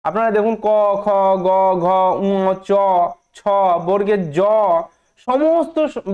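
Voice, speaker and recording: High-voiced man teaching spelling. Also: darkish tone. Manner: repeats points, asks the class questions. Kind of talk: online spelling lesson.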